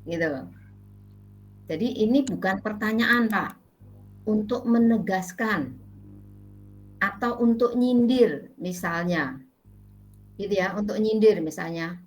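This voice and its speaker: A woman's voice: mid-range voice, slow, pauses often, soft background music, rough recording. A middle-aged woman lecturer with an Indonesian accent, patiently explaining English grammar to her class with many fillers. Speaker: university lecturer.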